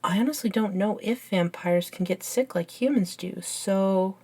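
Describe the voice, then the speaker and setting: In a scripted, one-sided ASMR roleplay, a woman plays an eager, nerdy young best friend who chats and explains things without hurrying. Her medium-pitched voice has a breathy edge, and her mood is earnest, curious, and softly enthusiastic.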